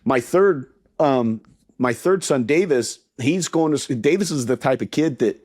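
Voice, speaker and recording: A man in his fifties with a voice of middling pitch talks as a guest in an easygoing interview. He sounds earnest and heartfelt. He often repeats a word or two as he restarts a thought. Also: animated, measured pace, darkish tone. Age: 50s. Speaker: podcast guest. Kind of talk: casual interview talk.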